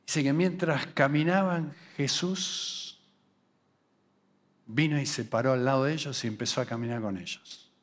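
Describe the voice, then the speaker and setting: A man with a Rioplatense Spanish accent preaching a sermon at a youth camp. He acts out quoted voices, dropping low and quiet for asides, and slows and rises for emphasis.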